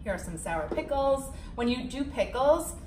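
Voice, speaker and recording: A bubbly woman guest explains a recipe in a casual cooking demo. Her voice sits fairly high and swings up and down a lot. She is picked up from across an echoey room with clear background noise. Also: moderate pace, recorded from a distance. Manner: bubbly, excitable. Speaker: guest cook.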